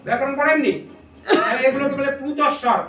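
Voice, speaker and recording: A man's voice: very high-pitched, quick pace, a bit bright. A man preaching a scripture sermon, explaining step by step and asking his listeners rhetorical questions. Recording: echoey room, distant mic, faint noise.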